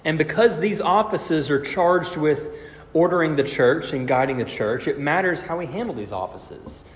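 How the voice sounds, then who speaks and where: Still getting over a cold, this man explains scripture step by step in an expository sermon, posing rhetorical questions to his congregation. He sounds fairly high-pitched and animated at a normal speed. The big room gives the recording echoey reverb and a slightly dull quality.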